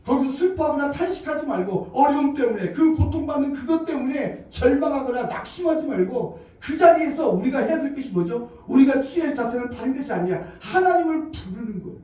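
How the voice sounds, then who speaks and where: A woman's voice: high-pitched, animated, brisk, few pauses, mellow. A woman pastor preaching a sermon, posing rhetorical questions and answering them herself and repeating her phrases. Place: small church hall. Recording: very echoey church from a distance.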